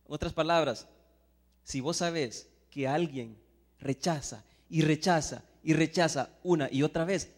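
A man from El Salvador with a Salvadoran Spanish accent, preaching a sermon, swinging between hushed asides and loud emphatic Bible readings. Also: fairly high pitch, unhurried, long reverb tail.

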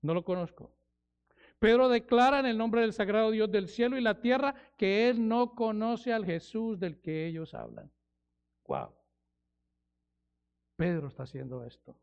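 Male preacher, high gravelly voice, dramatic expository delivery, dull lo-fi recording. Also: sing-song, a little mellow. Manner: dramatic, acts out quoted voices, slows for emphasis. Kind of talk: expository sermon.

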